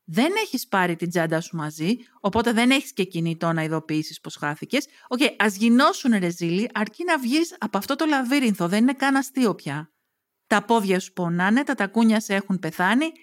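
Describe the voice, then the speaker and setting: A woman's voice: a little high, fairly bright tone. A woman telling a comic story in the second person, playful and sardonic, full of slang and wisecracks.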